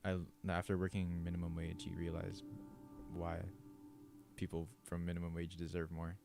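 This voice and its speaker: A young man with a very low voice speaking casually as a guest, keeping his answers brief. Faint music plays in the background behind him. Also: monotone, normal speed, creaky. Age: young adult. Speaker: guest, host's cousin. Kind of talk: casual chat.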